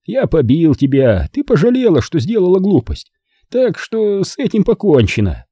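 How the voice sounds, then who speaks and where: A man plays a hulking, jealous older man who whines in a strangely high, slow voice. The sound is husky and mellow, read close and dry for an audiobook. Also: huge pitch swings, dry recording, heavily acted. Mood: whining. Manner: slow, whining and plaintive. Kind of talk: audiobook character voice.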